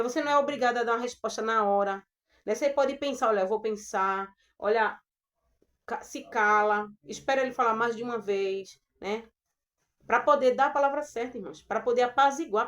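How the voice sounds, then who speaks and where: A woman with a Brazilian Portuguese accent giving a gentle, earnest devotional Bible talk, addressing her listeners as sisters. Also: fairly high pitch. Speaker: preacher.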